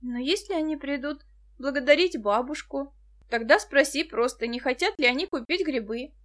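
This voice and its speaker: A woman reading the part of a lively, practical, outspoken girl in an audiobook. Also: high-pitched, normal speed, voice pushed up, close to an everyday voice.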